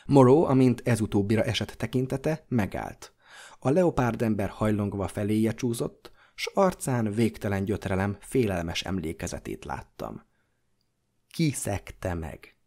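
A man reading a classic horror novel aloud as an audiobook narrator, in a measured, dramatic way. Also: lowish voice, expressive, dark tone.

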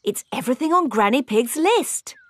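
A British woman voicing a gentle, sensible mother pig in a cartoon. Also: high-pitched, animated, moderate pace, slight background noise. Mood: kind, bright. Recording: music behind the voice.

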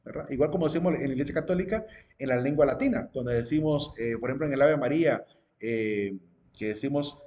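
A man's voice: medium pitch, a little fast, darkish tone. Explaining man, tag questions. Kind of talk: informal teaching talk to viewers.

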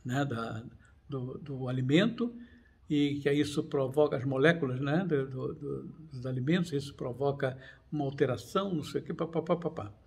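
A man, talking casually to his viewers, animated and digressive, full of restarts and fillers. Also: mid-range voice, moderate pace, creaky. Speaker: channel host. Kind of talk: casual talk to camera.

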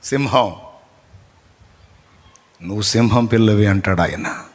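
A man preaching a sermon as pastor, fiery and exhorting, swinging between loud calls and hushed asides. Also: on the low side, takes it slowly. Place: church. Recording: long reverb of a church hall.

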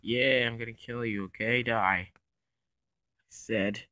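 Guy doing chill gameplay commentary, slow and playful, bright voice, dry close sound. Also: mid-range voice, fairly even intonation, no room sound. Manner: playful, narrates his own actions. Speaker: gaming YouTuber.

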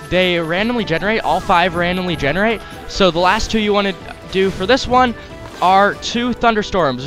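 A man gives casual let's-play commentary in a somewhat high voice. He is jokey and playful as he guides viewers, with game music faintly behind him. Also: a bit bright. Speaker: gaming video host.

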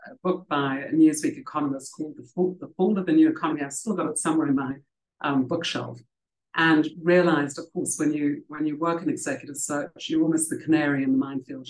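A middle-aged author and leadership coach raised in South Africa tells her career story at a book festival, joining over a video call from home. Her low-pitched voice is fairly quick and evenly intoned, reflective and conversational, with frequent ums and restarts. The video call audio sounds roomy.

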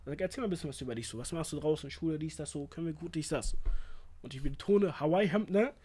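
A young man with telling a real-life story in a casual, animated way, acting out the lines of the people in it. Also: on the high side, quick pace, slightly rough. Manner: slangy, animated, acts out quoted lines.

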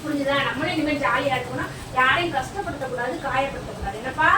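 A woman's voice: high-pitched, fast, lightly acted. A woman playing a strict scolding aunt. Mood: lecturing. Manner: scolding, questioning, lecturing. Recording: echoey room, far from mic, noisy.

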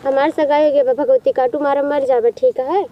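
A woman's voice: sits high, steady tone, moderate pace, muffled recording. A village woman who scolds angrily and hurls insults. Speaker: village woman, prank target. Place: outdoors in a village. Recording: loud outdoor background noise.

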